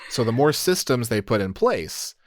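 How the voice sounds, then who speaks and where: A man's voice: mid-range voice, big pitch swings, normal speed, no echo, studio quality. A man hosting a language podcast, explaining slang step by step in a casual, laughing way. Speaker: podcast host teaching slang. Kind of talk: casual teaching chat.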